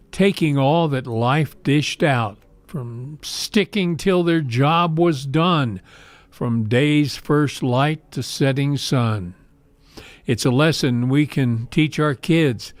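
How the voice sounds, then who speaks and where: A man reciting rhymed cowboy poetry as a guest poet, in a measured, rhythmic storytelling delivery. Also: mid-range voice, dry recording.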